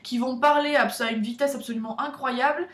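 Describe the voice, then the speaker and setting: A young woman from France chats casually to her viewers. Her voice sits a little high, and she sounds nervous and pokes fun at herself, often stumbling and restarting. The room around her is bare and echoey. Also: steady tone, a little fast, a bit bright. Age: young adult. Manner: chatty, nervous, self-deprecating, with many restarts. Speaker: vlogger. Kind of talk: casual chat to camera.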